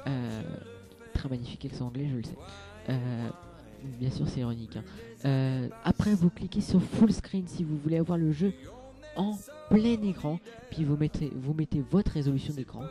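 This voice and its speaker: A young man talks through a game setup in a casual tutorial. His voice is very dark and mellow, he stumbles over fillers and restarts often, and faint music plays underneath. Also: medium pitch, normal speed. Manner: hesitant, many fillers and restarts. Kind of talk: casual screen-capture tutorial.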